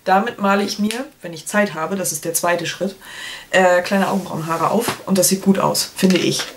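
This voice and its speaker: Her voice sits on the low side, steady and at normal speed, as this woman in her thirties casually reviews a product to camera with playful colloquial asides. She's a beauty vlogger working from a small room at home. The audio carries clear background noise and clicks.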